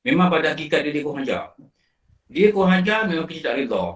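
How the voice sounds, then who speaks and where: A man's voice: fairly high pitch, fast talker. A man with a Malaysian Malay accent giving an online religious lecture, telling stories and acting out scenes as he teaches. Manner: animated storytelling, acting out film scenes. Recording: roomy and distant from the mic.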